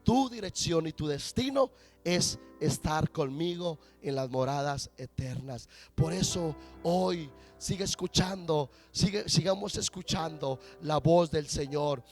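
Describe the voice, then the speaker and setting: A pastor preaching a sermon and leading a prayer, often soft and measured, at times rising to fervent declarations. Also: male voice, fairly high pitch, animated, faint music behind. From Mexico.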